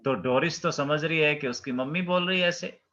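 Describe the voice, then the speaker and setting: Slow man teaching a class, fairly high voice, kinda muffled lo-fi sound. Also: bright, forceful tone. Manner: slow, questioning students, acting out lines. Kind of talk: classroom lesson explaining a play.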